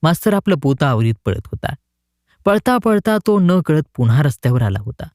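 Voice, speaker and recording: A man narrating a short story in an expressive storytelling manner. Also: on the high side, moderate pace, no room sound, studio quality.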